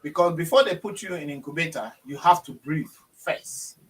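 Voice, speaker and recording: A man's voice: a little high, moderate pace, distant mic. A man hosting a conversational interview, speaking emphatically and repeating his phrases. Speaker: talk show host.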